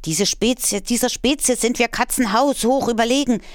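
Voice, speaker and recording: A woman voicing a scruffy, grumpy old tomcat in a storybook reading, talking gruffly. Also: a little high, normal speed, dry recording, clean studio sound, voice pushed up, natural voice. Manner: gruff, grumbling.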